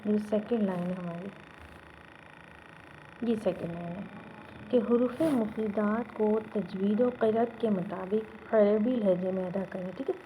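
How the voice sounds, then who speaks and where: A woman's voice: medium pitch, highs cut off, a little hiss or hum. A woman teaching a beginner Quran reading lesson, speaking patiently and checking often that learners follow. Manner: patient, asks learners to repeat, checks with "theek hai?".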